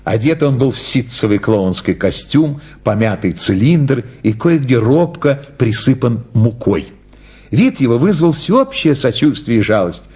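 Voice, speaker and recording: A man narrating a story with lively, expressive storytelling. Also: medium pitch, unhurried, breathy edge. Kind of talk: storybook reading.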